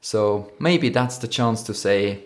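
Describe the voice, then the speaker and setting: Easygoing man co-host. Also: on the low side. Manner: easygoing, agreeable, slightly halting English. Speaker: podcast co-host. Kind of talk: casual chat.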